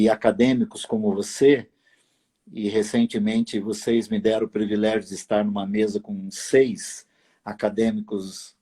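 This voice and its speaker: A man hosting a late-night live video chat from his apartment, speaking slowly and deliberately with long pauses and fillers. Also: on the low side, mellow, breathy edge. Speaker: host. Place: apartment at home.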